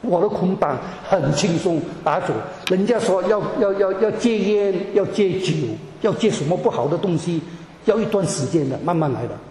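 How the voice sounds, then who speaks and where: A man's voice: high voice, expressive, normal speed, warm tone. A man giving an emotional personal testimony to a congregation, often stammering and repeating words and dropping in English words. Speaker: church member giving a testimony. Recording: echoey hall with long reverb.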